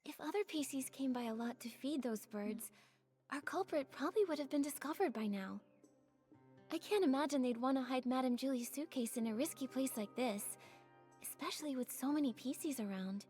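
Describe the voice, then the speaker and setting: Gentle young game heroine girl, high voice, earnest n measured, soft music behind. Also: expressive. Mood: thoughtful. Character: earnest, thoughtful young female detective heroine. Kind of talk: scripted game dialogue.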